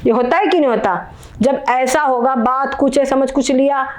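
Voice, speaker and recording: A woman's voice: high voice, steady tone, moderate pace. A woman giving a spiritual discourse, explaining patiently and often checking that her listeners follow. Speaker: spiritual teacher.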